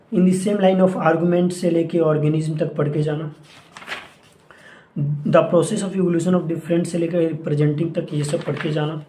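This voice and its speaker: A man's voice: a little high, warm tone, a little hiss or hum. Young man teaching with repetitive urgency. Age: young adult. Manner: mixes English phrases into Hindi speech. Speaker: exam coaching teacher. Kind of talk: casual exam-prep lesson. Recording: echoey room.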